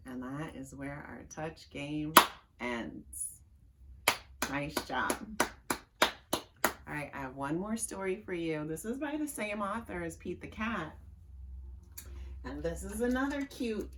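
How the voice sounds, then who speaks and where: A woman's voice: on the low side, a little hiss or hum. A woman librarian leading a children's story time, cheerfully reading aloud and guiding movement games. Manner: cheerful, animated, sing-song with children.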